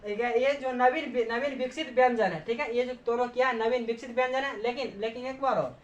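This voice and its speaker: A woman with a fairly high voice lectures like a teacher, posing questions and answering them herself while going back over each point. Her voice rings around an echoey room. The recording sounds dull and lo-fi. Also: fairly even intonation, fairly quick. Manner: frequent "okay" checks with students. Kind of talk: classroom lecture.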